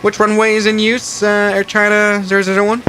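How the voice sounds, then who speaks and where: On a flight simulator stream, a man talks casually through each step out loud and corrects himself along the way. His voice is high-pitched and monotone, his pace a little fast, and there is background noise.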